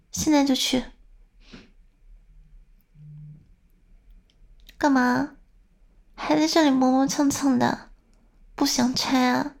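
A high-pitched, slightly gravelly young older sister, voiced by a woman, in a whispered role-play. She is stern and doting, scolding close to the ear and then coaxing softly. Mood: angry.

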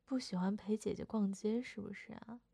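A woman's voice: medium pitch, steady tone, normal speed, vocal fry, dark tone, breathy edge, no room sound. A young woman voicing a playful older sister in a second-person audio role-play, whining and teasing coquettishly.

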